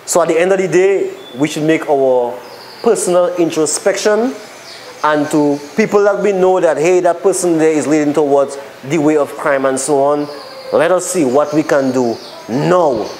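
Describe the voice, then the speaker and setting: A man's voice: fairly high pitch, normal speed, darkish tone, slight background noise, low-quality recording. A man with a Dominican accent leading a panel discussion, earnest and stumbling over words as he makes his points. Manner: earnest, restarts often. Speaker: panel moderator.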